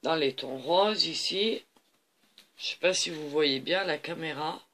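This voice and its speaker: A man with a rather high voice unboxes craft paper on camera, taking his time with every page. He gushes over what he sees, repeating small compliments between fillers. A faint hiss sits under his voice. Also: bright, forceful tone. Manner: gushing, repeats little compliments, unhurried with fillers. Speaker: craft channel host.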